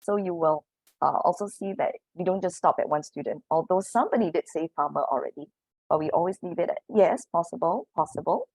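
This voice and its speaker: A woman's voice: deep voice, fast talker, vocal fry, darkish tone, slightly rough, no room sound. A woman with a Singaporean English accent presenting to teachers, explaining her points with many "okay" and "et cetera" fillers. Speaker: teacher trainer.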